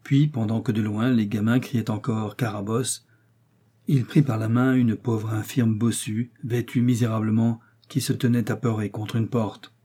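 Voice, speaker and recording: A man reading a novel aloud as an audiobook narrator, with steady, clearly phrased delivery. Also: lowish voice, moderate pace.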